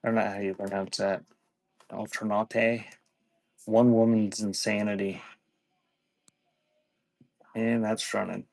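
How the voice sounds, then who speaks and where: Selling cassette tapes in a live online auction, a man chats informally and thinks aloud, often trailing off mid-sentence in a casual, rambling livestream manner. His voice sits on the low side, level and a little mellow, with vocal fry, a slow pace, and long pauses.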